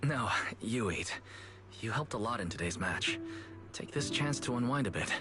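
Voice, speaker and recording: A man voicing a calm, considerate young male proxy in a game cutscene, gentle in manner. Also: fairly low pitch, a little fast. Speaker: game protagonist. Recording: game cutscene voice over music.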